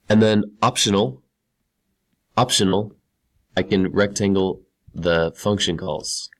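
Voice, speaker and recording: Speaking in a fairly low voice, a male computer science teacher guides listeners casually through a screen-recorded tutorial. He clicks through one step after another and repeats key words to drive them home.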